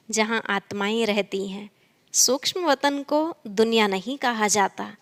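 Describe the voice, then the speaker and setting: A woman reading a spiritual discourse aloud in a steady, measured way. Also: mid-range voice, long reverb tail.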